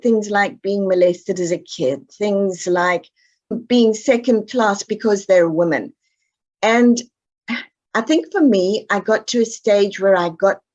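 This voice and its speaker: Podcast guest: South African woman, direct and emphatic, average pitch, muffled audio. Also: darkish tone. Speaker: guest expert. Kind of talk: podcast interview.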